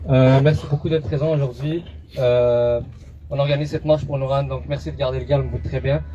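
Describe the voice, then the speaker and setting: A man organizing a march, making brisk announcements to a crowd through a megaphone outdoors, halting with fillers. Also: mid-range voice, fairly even intonation, dark tone, lo-fi sound.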